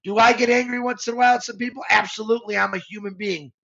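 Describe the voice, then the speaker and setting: This fifties-aged co-host of a live show talks very fast in a very high-pitched, pushed and bright voice with vocal fry. His intonation stays fairly even as he rambles heartfelt through casual stream talk, restarting often. The audio is dull.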